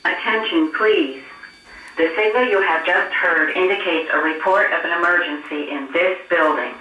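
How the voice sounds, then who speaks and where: Alarm loudspeaker voice, echoey and distant. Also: medium pitch, muffled recording. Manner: formal, measured, repeated message. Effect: played over building fire alarm loudspeakers. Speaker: recorded evacuation announcement. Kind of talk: scripted public announcement. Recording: echoey loudspeaker heard from afar with heavy noise.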